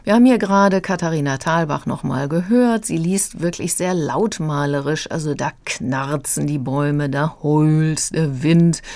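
A woman reviewing a children's audiobook on the radio, calm and explanatory. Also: low-pitched, measured pace, hardly any pauses, no echo. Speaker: book critic.

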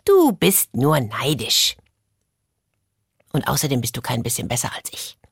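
Woman doing a smug hissing storybook snake, low and whispery, slow and drawn out, dry close sound. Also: wildly swooping pitch, gravelly, slightly rough, dry recording, exaggerated voice. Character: lazy smug female snake living in a belly.

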